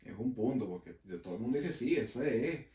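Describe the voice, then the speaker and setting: A man with a Venezuelan accent talking on a casual podcast, halting and often repeating words. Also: mid-range voice, lively intonation, warm tone, roomy sound. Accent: Venezuelan Spanish. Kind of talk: casual opinion podcast chat.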